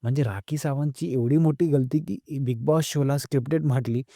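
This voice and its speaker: A man with a deep, very mellow tone chats through a recap for his viewers, leaning on emphatic words and filling pauses with hesitation sounds. His voice sits at an ordinary pitch and comes through dry and close, with no room sound. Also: no room sound. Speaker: entertainment recap vlogger. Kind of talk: casual spoken recap to viewers.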